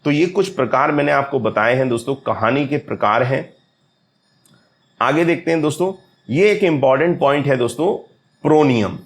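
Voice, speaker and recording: A man gives a lesson on literary terms for students preparing for exams. His voice is a bit higher than usual and has a gravelly edge. He addresses his viewers warmly as friends and slows right down to read definitions out. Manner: addresses viewers as friends repeatedly, reads English definitions slowly. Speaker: teacher.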